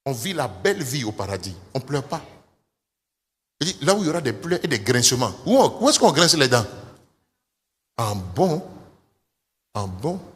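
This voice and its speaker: A man pastor preaching a lively sermon, speaking straight to his congregation and pushing up into high, emphatic calls, with a few English phrases mixed in. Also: normal speed, pauses often, big-room sound. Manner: mixes in short English phrases. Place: church service.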